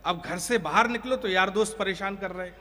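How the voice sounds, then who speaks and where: High bright-voiced man reciting comic verse. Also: a little fast. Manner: sing-song refrains with joking asides to the audience. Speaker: comic poet. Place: stage at a live poetry gathering. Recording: echoey hall sound.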